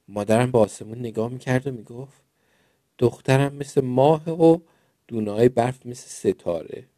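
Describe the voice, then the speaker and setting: A man reading children's stories aloud in a gentle, expressive way. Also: mid-range voice, dry recording, clean studio sound. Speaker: storyteller.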